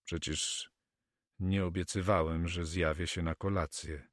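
A man voicing a proud, brooding pirate captain in an audiobook, speaking slowly and solemnly. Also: low voice, fairly even intonation, dry recording, studio quality. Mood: guarded. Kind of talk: audiobook character reading.

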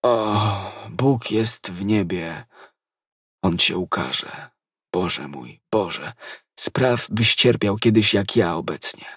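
A man's voice: low voice, expressive, slow pace, fairly bright tone, husky, dry recording, clean studio sound, full character voice. A man voicing a dying, gasping soldier. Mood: anguished. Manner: gasping, moaning, accusing. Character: dying poisoned male soldier, bitter. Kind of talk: audiobook reading.

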